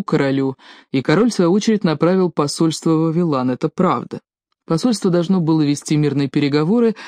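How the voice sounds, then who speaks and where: A woman narrating an audiobook in an even, measured reading. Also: low voice, dry recording, studio quality. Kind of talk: scripted narration.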